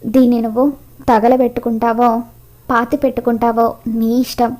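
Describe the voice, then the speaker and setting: A woman reading the lines of a stern, angry middle-aged father in a flat, read-out way. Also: fairly high pitch, normal speed, close to an everyday voice.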